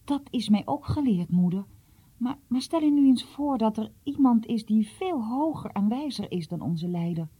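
A woman's voice: fairly high pitch, expressive, normal speed, dark tone, husky, voice pushed up. A woman reading the part of an earnest, troubled schoolboy who pleads and stammers.

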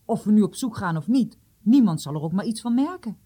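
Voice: mid-range voice, lively intonation, fairly quick, dark tone, husky, voice pushed up. A storyteller voicing an enthusiastic young man eager to set out.

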